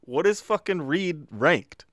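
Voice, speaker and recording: A man at an ordinary pitch hosts a loose podcast chat, swinging his voice up and down with plenty of life. He is crude and joking, and he calls on each friend in turn. His sound is close and dry, with no room around it. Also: animated, takes it slowly, a bit bright, no echo. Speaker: podcast host. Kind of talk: casual chat.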